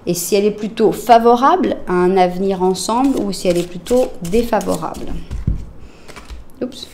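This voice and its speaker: A woman with a French accent doing a casual tarot reading, talking straight to her viewers with lots of fillers and often dropping to a soft murmur as she lays out cards. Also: medium pitch, normal speed, slight background noise. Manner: chatty, addresses viewers directly, many fillers. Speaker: tarot reader.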